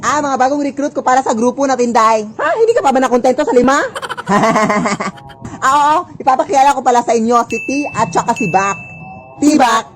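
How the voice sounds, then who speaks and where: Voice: high-pitched, lively intonation, brisk, a bit bright, soft background music. A performer acting out short comedy skits, scolding and bickering in exaggerated tones as different characters. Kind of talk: comedic skit acting, playing several characters.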